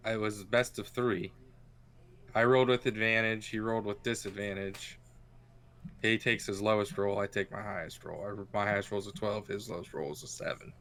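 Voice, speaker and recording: A man's voice: fairly low pitch, steady tone, moderate pace, a bit bright. A man playing a tabletop game, talking bluntly and swearing freely. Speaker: player. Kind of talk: casual game chat. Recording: faint room noise.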